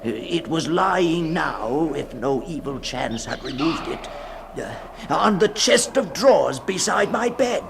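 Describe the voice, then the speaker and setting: Gasping and halting, an actor lurches between whispers and cries as a terrified, desperate male climber telling of his nightmare escape in a theatrical 1960s radio fantasy monologue. His voice is on the high side, with lively intonation, vocal fry and a full character voice. The old radio recording is noisy.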